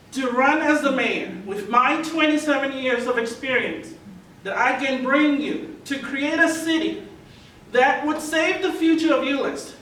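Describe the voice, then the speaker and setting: A man's voice: extremely high pitch, pushed and bright. A man, giving an earnest candidate forum speech full of repeated rhetorical questions. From Tonga. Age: 50s. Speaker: mayoral candidate. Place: large meeting hall. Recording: echoey hall from far off, faint noise.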